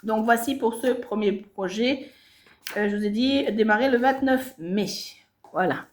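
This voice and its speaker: A woman's voice: fairly high pitch, measured pace. A woman chatting casually to her viewers about her stitching projects, with many hesitations and self-corrections. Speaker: cross-stitch vlogger. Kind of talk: casual show-and-tell chat.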